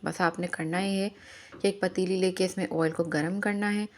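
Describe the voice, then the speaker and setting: A homemaker woman narrates her chores in a voice-over, her voice sitting a little low. She talks in a chatty, advising way and drops English phrases into her speech. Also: fairly even intonation, normal speed. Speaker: homemaker vlogger.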